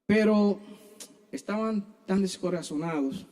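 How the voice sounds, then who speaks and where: A man's voice: high-pitched, unhurried, a little mellow. A man preaching a sermon in church, earnestly addressing his listeners as brothers.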